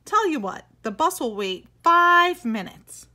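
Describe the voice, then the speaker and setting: A woman's voice: high voice, big pitch swings, measured pace, bright, forceful tone, pitched above the performer's own voice, full character voice. A woman voicing a friendly, easygoing male city bus driver in a children's story. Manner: easygoing, obliging.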